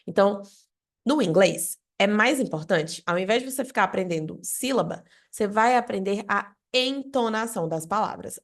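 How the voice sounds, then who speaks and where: A Brazilian woman giving an online English lesson, speaking directly to the viewer and asking lively questions. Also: medium pitch, creaky. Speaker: English teacher.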